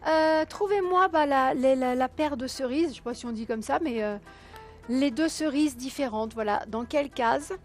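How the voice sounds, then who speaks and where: A woman hosting a live call-in TV quiz, her voice hoarse, chatty and coaxing viewers, counting down and correcting herself aloud. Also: high voice, normal speed, soft background music. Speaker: game show host.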